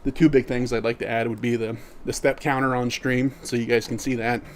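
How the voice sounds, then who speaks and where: Middle-aged guy chatting on stream, walks in place as he talks, reads chat out, mid pitch, a bit of faint hiss. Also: level tone, brisk. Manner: reads chat messages aloud and answers them easygoingly; walking in place while talking. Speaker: live streamer. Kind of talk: casual live-stream chat.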